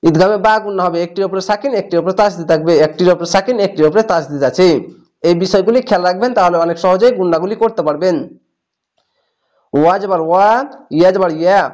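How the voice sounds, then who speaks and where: A man with a Bangladeshi Bengali accent teaching Quran recitation, spelling out each syllable slowly and then blending it into the whole word. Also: high-pitched, a little mellow. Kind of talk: step-by-step spelling and recitation lesson.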